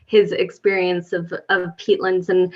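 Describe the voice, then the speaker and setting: A woman scientist born in Finland speaking on a webinar panel, pausing and restarting often as she talks about her work. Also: fairly low pitch, level tone. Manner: hesitant, many restarts and fillers. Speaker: guest scientist. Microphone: video call. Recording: dull lo-fi video call audio.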